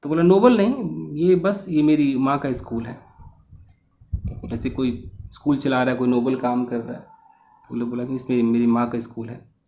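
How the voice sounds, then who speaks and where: Casting note: male English tutor, mellow, warm voice, reads novel lines slowly and then breaks them down patiently. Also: mid-range voice, flat delivery, slight background noise. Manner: explanatory, acts out a sample accent in passing. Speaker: English teacher. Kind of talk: reading a novel aloud and explaining it line by line.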